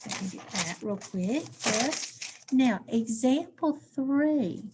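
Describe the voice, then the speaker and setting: Woman math teacher; deliberate pace, talks each step through, keeps asking "okay?". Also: fairly high pitch, lively intonation, darkish tone, slight background noise. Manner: talks through steps aloud, checks in with "okay?". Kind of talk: recorded math lesson.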